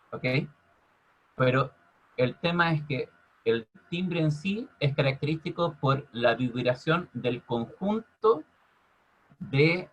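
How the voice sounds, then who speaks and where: A man teaching a physics class over a video call, constantly checking in with his students by asking if it's clear. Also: medium pitch. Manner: checks in with "ok?" after nearly every phrase. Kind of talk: online class explanation. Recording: muffled lo-fi audio.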